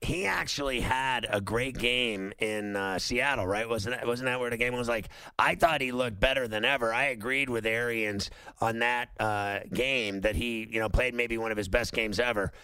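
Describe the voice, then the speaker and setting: Male sports talk host: brash, teasing, bright forceful voice, crisp and clear. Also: mid-range voice, normal speed, few pauses, no room sound. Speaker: sports radio call-in host. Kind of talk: casual fantasy football sports talk.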